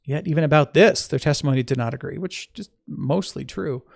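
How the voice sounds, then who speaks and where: A man's voice: a little high, brisk, vocal fry. A man reading scripture aloud. He stops to correct his own slips and adds informal asides between the verses. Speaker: Bible reader.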